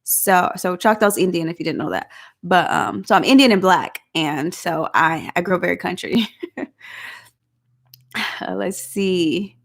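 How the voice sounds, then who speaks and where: A woman's voice: on the low side, measured pace, long pauses. Chatty woman with a country drawl. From Southeast Oklahoma. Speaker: vlog host. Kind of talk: casual live chat.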